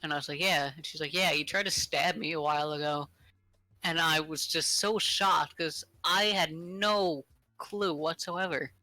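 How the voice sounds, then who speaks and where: A young man chats on a podcast in a very bright, somewhat high voice, rambling through stories with lots of fillers. The mic is close and dry, with faint music underneath. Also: fairly even intonation, measured pace, dry recording, rough recording. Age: young adult. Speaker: podcast co-host. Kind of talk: casual chat.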